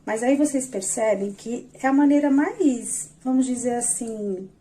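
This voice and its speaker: A woman's voice: on the high side, expressive, a little slow, mellow. A woman teaching a lesson, patiently explaining examples step by step and talking directly to her viewers. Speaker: educational psychologist teaching. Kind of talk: explanatory lesson over slides.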